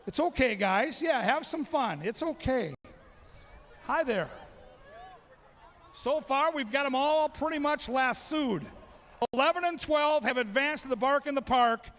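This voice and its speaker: High, bright-voiced excitable race announcer. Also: male voice, measured pace, long pauses. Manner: excitable, shouts calls and names. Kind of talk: live race-call commentary. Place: racetrack.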